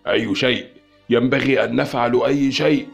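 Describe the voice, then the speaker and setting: A man's voice: fairly low pitch, fairly even intonation, moderate pace, highs cut off, soft background music, close to an everyday voice. A man voicing a hot-tempered male scientist who speaks sharply and urgently. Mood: agitated. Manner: sharp and agitated.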